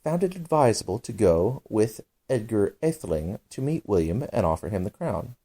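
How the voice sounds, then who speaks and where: A man's voice: on the low side, sing-song, moderate pace, warm tone, pitched above the performer's own voice. A man voicing a prim, touchy little storybook mouse who lectures in a fussy, formal manner. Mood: cross. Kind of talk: storybook character voice.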